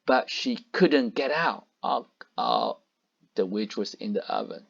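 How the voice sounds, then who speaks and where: A man reads a storybook aloud for children, slowly and with a very animated pitch. He pauses often to explain words and point out pictures. The recording sounds dull and lo-fi. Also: vocal fry, husky.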